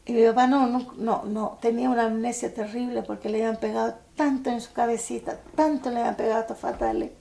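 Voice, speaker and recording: An older woman with a Chilean accent, recalling events in halting testimony with many restarts. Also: fairly high pitch, steady tone, gravelly, dark tone. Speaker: interviewee. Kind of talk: personal testimony for a documentary.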